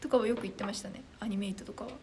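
A teenage girl from Chiba chatting casually on a livestream, reading viewer comments in a bubbly, animated, self-deprecating way. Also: mid-range voice, very fast, a crowd in the background. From Chiba, Japan. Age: teens. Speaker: idol trainee streamer.

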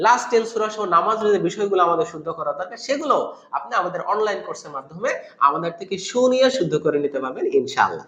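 A man with a high, light voice, teaching recitation in a patient, step-by-step way. He slows down and repeats sounds to show how they should be pronounced. The recording has a roomy, echoing sound. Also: bright, forceful tone. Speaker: Quran teacher. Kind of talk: recitation lesson with explanations. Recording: roomy echo.

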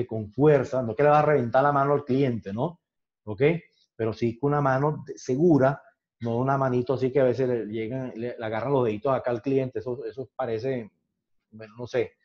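Constantly asking his class "ok?", a man lectures on sales in a chatty teaching manner. His medium-pitched voice has a slightly dark tone, heard through a muffled, low-fidelity recording.

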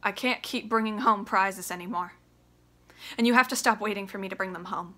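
Young woman doing bitter desperate son in a stage monologue, confronting dad, sharp forceful voice, really emphatic. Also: fairly even intonation, moderate pace. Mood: defeated, pleading. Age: young adult. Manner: emphatic, confrontational, swinging from low to shouting. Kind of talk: theatrical audition monologue. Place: small plain room indoors.

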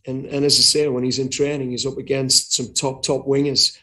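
Here the middle-aged head coach has a medium-pitched voice, delivered flatly, briskly and with a sharp tone. He answers post-match press conference questions frankly over a video call, repeating words while he thinks, indoors before a sponsor backdrop.

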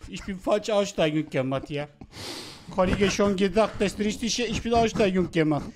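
A man's voice: high voice, moderate pace, noisy background, natural voice. A man voicing a flustered lost immigrant traveller in broken, stammering German with a Turkish accent, for a comic prank call. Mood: confused, insistent. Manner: broken grammar, stammering, repeats himself. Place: small studio room, indoors. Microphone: close studio microphone.

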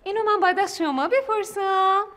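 An actress playing a brash, bossy wealthy wife who talks rudely and commands everyone in a TV comedy. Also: female voice, a bit bright. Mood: indignant. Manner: shrill, rude and commanding, with sudden laughs. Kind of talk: TV comedy acting.

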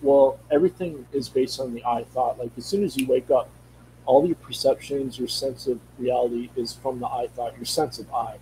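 A middle-aged man with a Minnesota accent, appearing as a guest, talks casually over a video call from a room at home using a studio mic. His mid-range voice has a darkish tone, and he rambles, searches for words and restarts often. The recording is rough, with slight background noise.

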